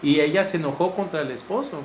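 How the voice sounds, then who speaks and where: Animated Mexican man teaching the Bible. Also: on the high side, quick pace. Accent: Mexican Spanish. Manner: animated, acts out voices of wives and husbands. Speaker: church teacher. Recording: echoey room with faint noise.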